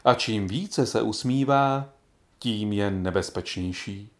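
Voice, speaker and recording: A man playing a stern farmer father in a storybook reading, speaking quietly and solemnly. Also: lowish voice, pitched below the performer's own voice, natural voice.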